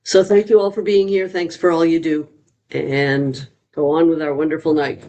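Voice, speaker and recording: A man's voice: a little high, normal speed, slight background noise. A man hosting a virtual open mic, talking casually with many fillers over a video call. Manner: relaxed, rambling with many fillers. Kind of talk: casual live-stream hosting.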